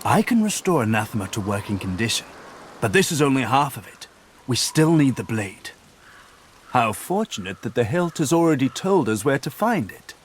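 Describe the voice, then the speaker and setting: A man's voice: medium pitch, big pitch swings, slight background noise, close to an everyday voice. A man playing a scheming scholar noble. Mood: grandiose. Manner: measured, grandiose speech. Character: scheming scholarly male noble, smooth and persuasive. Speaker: game character. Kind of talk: video game voice acting. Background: faint game music.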